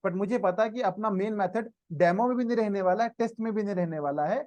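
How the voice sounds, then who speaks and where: This programming instructor, a man with an Indian accent, leads a live coding lesson in a mix of Hindi and English, pausing to check on his students. He speaks quickly in a high, slightly mellow voice, with no room sound on the dry, somewhat dull online recording.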